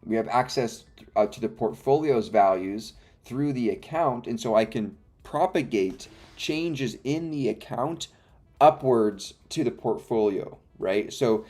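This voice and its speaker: A man's voice: mid-range voice, expressive, a little slow, mellow. A man hosting a live coding stream with the hiccups, muttering code steps to himself and explaining in a rambling, self-correcting way. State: has the hiccups. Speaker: livestream host. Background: faint music and keyboard typing.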